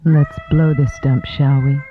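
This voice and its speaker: A man's voice: medium pitch, level tone, measured pace, pitched above the performer's own voice, natural voice. A man voicing a sultry, seductive femme fatale in a radio drama, purring and teasing. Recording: tinny, music underneath.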